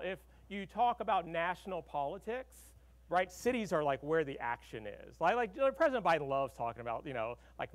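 Speaking from a podium in a big hall, a middle-aged Arkansas man gives a conference keynote in a chatty style, peppering it with fillers and tagging lines with "right?". His pitch is fairly high.

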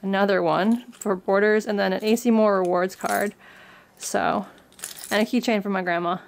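In a casual show-and-tell filmed indoors against a plain backdrop, a young woman who's getting over a cold shows off her bag's contents as a craft vlogger. Her mid-range voice is creaky, at normal speed, with fairly even intonation and slight background noise. She reads excerpts from books upbeat, then talks plainly.

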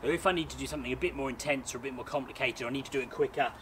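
In his thirties, this sports photographer and vlogger walks through his gear casually, chatting cheerfully and explaining one step at a time in a rapid-fire, mid-range voice. He's outdoors in a small garden, captured by a tripod-mounted camera mic a few feet off, with noticeable outdoor noise and passing traffic behind him.

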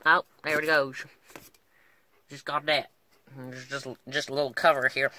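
A man narrates his own truck repair at a slow, easy pace, his voice bright and pushy as he hams up a joking twangy drawl. He mutters and grunts to himself between steps. The camera sits close in the tight space of a pickup cab. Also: mid-range voice, level tone. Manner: mutters and grunts while working with his hands. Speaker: car-repair vlogger. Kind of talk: casual hands-on tutorial chat. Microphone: handheld camera held close while working.

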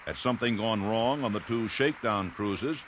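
A man giving scripted documentary narration in an even, informative way. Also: lowish voice, normal speed, a little hiss or hum. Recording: narration over clear music.

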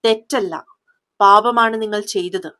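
A fierce young police superintendent, stern and used to giving orders, as a woman storyteller plays her. The voice sits fairly high and is firm and clipped. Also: normal speed, a bit bright, lightly acted. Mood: furious.

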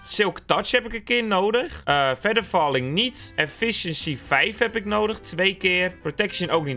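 A young man talks his viewers through a building session in a bright, forceful voice that sits a little high for a man. He chats casually and keeps addressing his audience, with soft music running underneath. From Netherlands. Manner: chatty, talks to viewers as "jongens". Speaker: gaming YouTuber. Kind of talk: casual gameplay commentary.

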